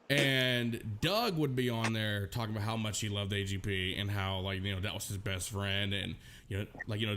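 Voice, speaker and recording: A man's voice: mid-range voice, noisy background. A man co-hosting a casual livestream chat, rambling and swearing with many restarts. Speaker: livestream co-host.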